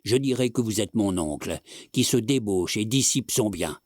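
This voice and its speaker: A man's voice: fairly low pitch, lively intonation, moderate pace, dry recording, clean studio sound. A man voicing a hot-headed young man who speaks curtly and through his teeth. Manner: curt, hissing.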